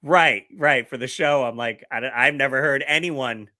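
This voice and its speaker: A man's voice: medium pitch, moderate pace, pushed and bright. A man co-hosting a casual podcast, rambling and laughing as he loses his train of thought. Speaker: podcast co-host. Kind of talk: casual chat.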